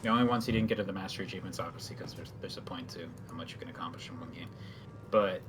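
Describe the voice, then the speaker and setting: Man, low voice, esports caster, chatty, explains the play, faint background noise. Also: very fast. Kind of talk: live game commentary.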